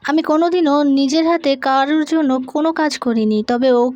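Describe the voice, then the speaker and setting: A woman voicing a spoiled young wife who is demanding and quick-tempered, with an insistent, scolding manner. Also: sits high, darkish tone, no room sound, natural voice. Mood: angry.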